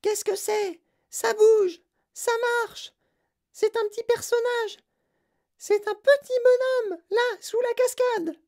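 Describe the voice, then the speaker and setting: A shrill, shrieking spoiled girl. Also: steady tone, takes it slowly, darkish tone, heavily acted. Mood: shrill alarm. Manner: shrill and frantic.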